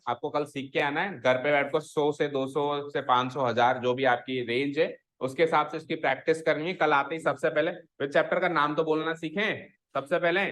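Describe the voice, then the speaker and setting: A man's voice: on the high side, fairly bright tone. A man teaching a school maths class, mixing Hindi with English and drilling students on pronunciation. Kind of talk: classroom lecture.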